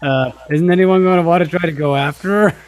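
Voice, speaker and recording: A man's voice: a little high, a little fast, slight background noise. A man chatting casually as a tabletop game player, hesitant and wry.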